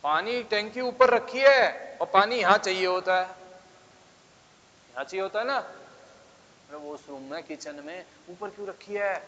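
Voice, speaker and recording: Male classroom teacher, slightly high voice, keeps quizzing the class; dull, echoing hall sound. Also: normal speed, long pauses, fairly bright tone. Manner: coaxing, keeps asking the class questions. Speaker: physics teacher. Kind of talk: classroom lecture. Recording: dull sound with long reverb.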